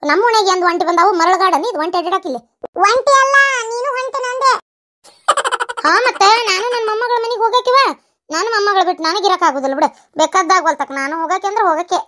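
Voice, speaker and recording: A woman's voice: very high voice, fast, pushed and bright. A woman voicing fussing, consoling village relatives in a comedy cartoon, with a North Karnataka Kannada accent. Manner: scolding, consoling, folksy. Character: fussing family elders and relatives.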